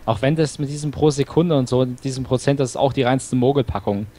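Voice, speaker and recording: A man's voice: medium pitch, steady tone, brisk, dark tone. A man co-hosting a casual let's-play, cracking dry jokes and thinking aloud about his game choices. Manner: dry joking, talks through game choices. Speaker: gaming co-host.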